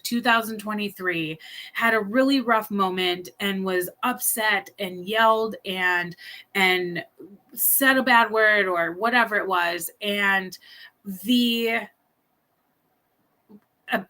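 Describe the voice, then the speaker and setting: A parenting coach in her thirties teaches casually, earnest and thinking out loud, with many fillers, restarts and a habit of asking "right?" again and again. Her medium-pitched voice sounds pushed and bright.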